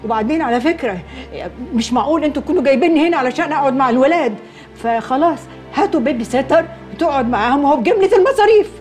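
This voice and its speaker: A woman's voice: high voice, expressive, rapid-fire, a little mellow, faint music behind. An actress with an Egyptian accent playing an older mother who scolds and complains, repeating herself in exasperation. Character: fussy older mother, thrifty and restless. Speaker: mother-in-law.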